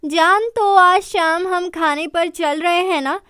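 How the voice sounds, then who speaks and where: A woman's voice: very high voice, takes it slowly, bright, forceful tone, no echo, clean studio sound, full character voice. Woman doing bossy, pushy Deren. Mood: demanding.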